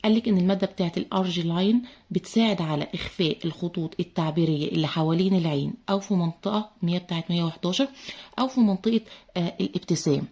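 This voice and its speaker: Fast-talking Egyptian woman vlogger. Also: fairly low pitch, darkish tone, muffled recording. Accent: Egyptian Arabic. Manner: chatty, many filler "aah"s, addresses viewers as girls. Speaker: beauty vlogger reviewing a serum. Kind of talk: casual product review.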